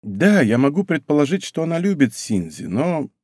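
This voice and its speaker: A man voicing a calm, blunt young woman speaking in a measured, thoughtful way. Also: a little high, no echo, clean studio sound.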